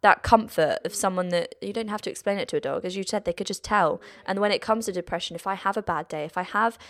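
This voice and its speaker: A woman's voice: medium pitch, fast. A young woman from the United Kingdom, a podcast guest, talking casually and emotionally, often acting out what family members said. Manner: chatty, emotional, quotes family in lively voices. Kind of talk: casual chat.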